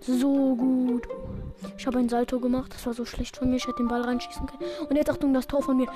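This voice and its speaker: A gaming video creator, a woman with a high-pitched voice, gives live commentary on a video game match at a fairly quick pace. Her play-by-play is excitable and pokes fun at herself, with game music clearly audible beneath her.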